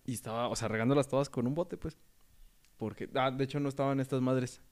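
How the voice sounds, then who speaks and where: A young Mexican man spins a loose, slangy anecdote in relaxed conversation. His voice sits at an ordinary middle pitch, and he laughs easily as he rambles. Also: fairly quick. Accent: Mexican Spanish. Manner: slangy, rambling storyteller who laughs often. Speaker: podcast host. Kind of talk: casual chat.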